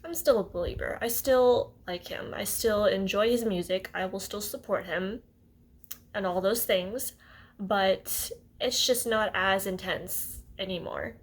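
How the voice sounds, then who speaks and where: A woman's voice: medium pitch, measured pace, husky. Young woman, twenties, rambling, hesitant, casual vlog talk. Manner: rambling, hesitant, laughs often. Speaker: vlogger.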